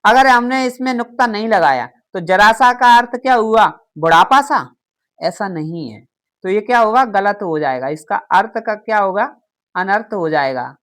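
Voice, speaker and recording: A woman's voice: medium pitch, lively intonation, normal speed, a bit bright. A woman teaching a grammar lesson, who keeps asking questions and answering them herself. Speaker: Hindi teacher.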